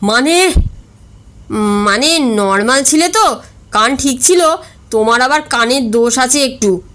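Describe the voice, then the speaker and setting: An earnest young man who is easily shocked and scandalized, as a woman voices him. His voice stays close to her own high, slow reading voice. The tone is storybook comedy. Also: bright, forceful tone, heavily acted.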